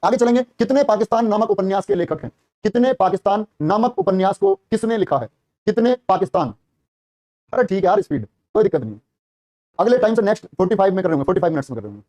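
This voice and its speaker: Fast, high-voiced Hindi exam coach. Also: male voice, big pitch swings, warm tone, no room sound, studio quality. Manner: rapid, repeats answers and prompts students constantly; encouraging praise, calls students brother and child. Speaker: Hindi teacher for police exam prep. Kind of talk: live online class, quizzing and reading comments.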